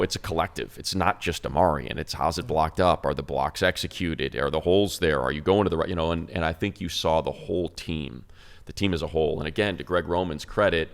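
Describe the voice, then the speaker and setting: A sports show host and analyst gives casual podcast commentary in a very deep, gravelly voice at a brisk clip. He's conversational and emphatic, repeating phrases to stress them.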